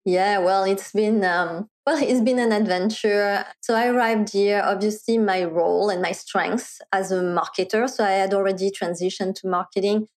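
A middle-aged woman from France with a French accent, speaking as an interview guest and explaining things clearly with a light laugh now and then. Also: medium pitch, fairly even intonation, normal speed, few pauses. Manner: articulate, explanatory, laughs lightly while talking. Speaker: guest, marketing executive. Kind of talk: conversational interview.

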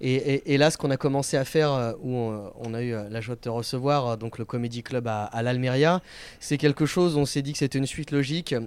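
A man, a guest on a casual podcast outdoors, explaining how he runs comedy nights, animated and full of hesitations. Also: mid-range voice, brisk, smooth. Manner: animated storyteller, many hesitations. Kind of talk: casual interview chat.

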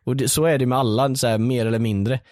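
A young man co-hosting a casual chat podcast talks in a relaxed way, padding his sentences with filler words. His voice sits at an ordinary pitch. The recording is dry and close, with no room sound. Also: no room sound. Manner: laid-back, leans on fillers like "liksom" and "så här". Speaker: podcast co-host.

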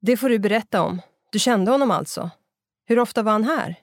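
A reader doing a brisk woman detective. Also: mid-range voice, no room sound, clean studio sound, voice pushed up, close to an everyday voice. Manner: brisk, asks short questions. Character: middle-aged woman police detective, brisk and curious. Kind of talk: audiobook character voice.

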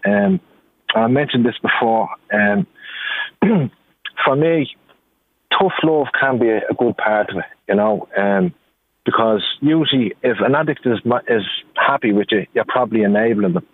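A man from Ireland talking as a radio interview guest in an earnest, halting, conversational way. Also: mid-range voice, breathy edge, dry recording. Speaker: interview guest, addiction recovery worker. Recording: tinny, narrow phone line.

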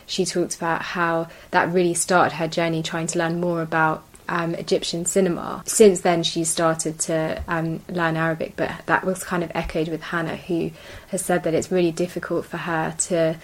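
Even-toned, lowish-voiced woman co-host. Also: moderate pace, few pauses, poor audio. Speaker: radio show co-host. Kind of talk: conversational radio discussion.

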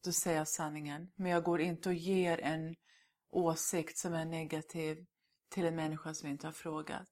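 A woman's voice: sits low, little pitch movement, darkish tone. A middle-aged woman answering interview questions in a candid, emphatic way, slipping in English words.

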